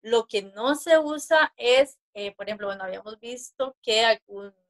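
Speaking at a moderate pace in a voice on the high side, a woman who teaches Japanese explains material in a video-call class. She counts the strokes out loud patiently and keeps checking in with those listening.

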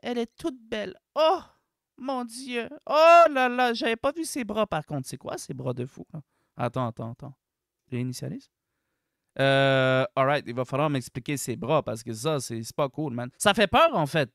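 Ranting Québécois gaming commentator, crisp and dry. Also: medium pitch, moderate pace, dry recording. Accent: Québécois French. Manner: exaggerated, ranting, slangy, swings between mock sweetness and outrage; keeps addressing viewers as ladies and gentlemen. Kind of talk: comedic video commentary.

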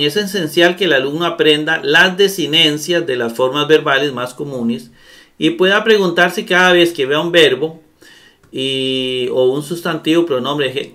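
A man's voice: a little high, fairly bright tone. A man giving a recorded grammar lesson, explaining patiently step by step and often checking in with his students. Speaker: Greek grammar teacher.

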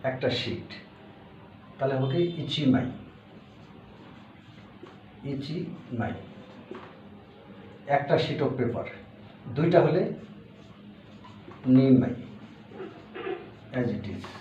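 A man's voice: mid-range voice, lively intonation, extremely slow, pauses often, mellow. A man teaching a language lesson, patiently repeating each word and explaining step by step. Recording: roomy, distant, dull lo-fi audio with faint hiss.

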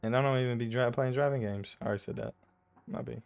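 A young man giving casual, jokey commentary while playing a horror driving game, slangy and quick to yelp when startled. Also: mid-range voice, steady tone, vocal fry, a little mellow. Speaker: gaming YouTuber.

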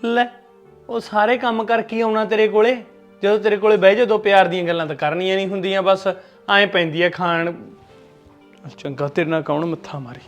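A man's voice: high voice, fairly even intonation, brisk, soft background music, natural voice. An actor playing an exasperated, teasing husband arguing with his wife in a short film. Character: exasperated joking young husband.

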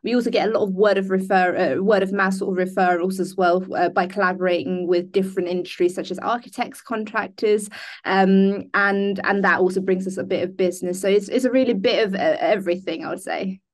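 Speaking briskly in a mid-range, fairly level voice, this young founder from Denmark stumbles through a video call interview with lots of ums and false starts. She's in an indoor room, recorded on her laptop's webcam.

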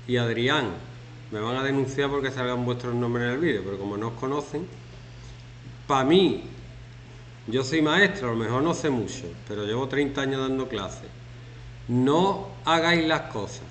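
Working through a class activity, this man in his fifties talks to his students at medium pitch and moderate pace, leaving long pauses. His manner is chatty, joking and lively, and he acts out shouting examples; the classroom is echoey with faint background noise.

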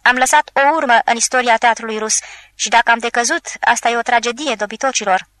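A woman's voice: fairly high pitch, a bit bright, dry recording, lightly acted. A woman voicing a drunken, bombastic old male tragic actor who rants and hurls theatrical insults. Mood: raging.

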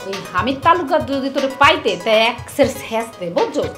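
A woman's voice: high voice, expressive, reverberant, over music. An actress playing a scolding village mother with an in a comedy TV drama. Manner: scolding, quick-tongued.

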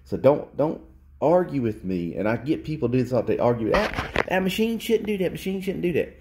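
A man's voice: a little high, big pitch swings, fairly quick, darkish tone. A man in a cluttered workshop showing a repair on camera, blunt and lecturing, repeating his points for emphasis. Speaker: repair technician. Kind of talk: hands-on repair demonstration. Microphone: handheld phone camera close to the work.

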